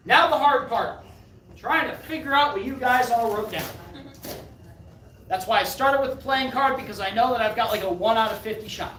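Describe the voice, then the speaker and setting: A woman's voice: fairly high pitch, normal speed, fairly bright tone. A woman performing a live mind reading act, with playful, self-deprecating, off-the-cuff patter for her audience. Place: live performance venue, indoors. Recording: echoey live venue, distant mic, faint noise.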